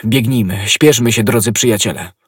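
In an audiobook reading, a male narrator voices an impetuous young swordsman, urgent and earnest, raising his husky voice above his own low register. The pace is moderate, and the sound is close and dry with no room sound.

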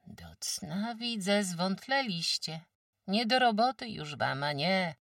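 A woman's voice: mid-range voice, expressive, slow, fairly bright tone, no room sound, clean studio sound, far from the mic, pitched above the performer's own voice, exaggerated voice. A woman voicing a careworn peasant farm wife who talks emphatically in rustic speech, lamenting her troubles. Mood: blunt. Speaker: farm housewife.

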